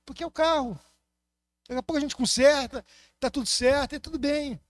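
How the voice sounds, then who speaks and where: High-voiced Brazilian pastor preaching passionately. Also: male voice, a little fast, dry recording. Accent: Brazilian Portuguese. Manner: impassioned, swings between loud emphasis and soft asides. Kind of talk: sermon.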